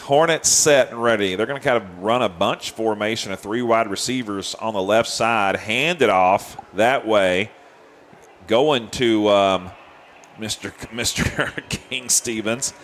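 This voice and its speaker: A man calling high school football play by play, winded, laughing and chatty. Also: measured pace. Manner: excitable, laughs often, chatty. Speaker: play-by-play announcer.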